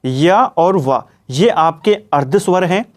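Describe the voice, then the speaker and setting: A young man with a high voice teaches an exam-prep grammar lesson. He explains each answer step by step and keeps reminding students what to remember. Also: lively intonation, slow pace. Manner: explanatory, repeats "ठीक है" and "ये आपको याद रखना है".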